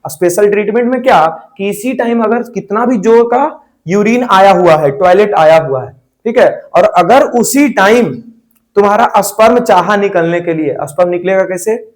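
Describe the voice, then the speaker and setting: A man's voice: high-pitched, normal speed. A man teaching a biology class, asking questions and answering them himself, mixing English terms into Hindi and checking in often. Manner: frequent "theek hai" check-ins.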